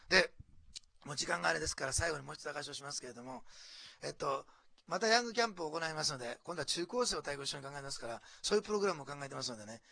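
A male pastor delivers a sermon in a bright, tense voice with a gravelly edge. He talks quickly and keeps turning to his listeners, swinging from loud, emphatic bursts down to hushed whispers. The sound is dry and close. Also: fairly high pitch, no room sound. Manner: addresses the congregation directly, with frequent "ne".

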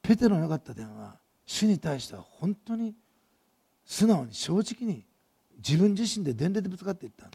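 A man preaching with a husky, breathy voice that sits high for a man. He tells the scene like a lively story, turning to the congregation with questions. There is a gravelly fry in his tone. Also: normal speed. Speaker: pastor. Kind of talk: sermon.

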